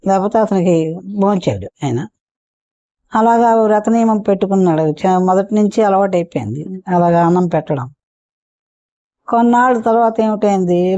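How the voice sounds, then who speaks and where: A woman's voice: mid-range voice, dark tone, no echo. A woman storyteller telling a folk tale for children in a homely, repetitive, chatty way. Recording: dull muffled recording.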